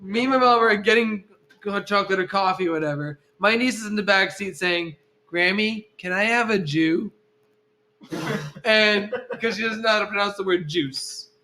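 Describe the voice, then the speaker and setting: Young guy on a podcast telling stories and laughing, high bright voice. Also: normal speed. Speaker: podcast co-host. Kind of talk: casual group chat.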